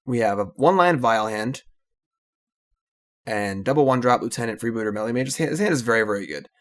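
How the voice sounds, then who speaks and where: A man casually commentates on his own card game, sounding analytical and relaxed, and he often trails off with "so." His mid-range voice moves a little fast.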